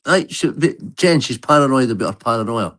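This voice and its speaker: A man's voice: medium pitch, animated, brisk, a bit bright. A Scottish man with a Glasgow street accent, arguing bluntly and swearing freely on a live stream. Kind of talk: heated argument on a live stream.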